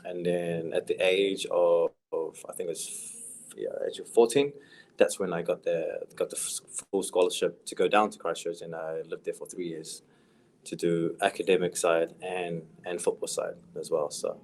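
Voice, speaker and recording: A young man from New Zealand with a New Zealand accent, a footballer chatting casually in a podcast interview, soft-spoken with a voice that trails off quietly. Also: low voice, fairly even intonation, moderate pace, a little hiss or hum. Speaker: professional footballer guest.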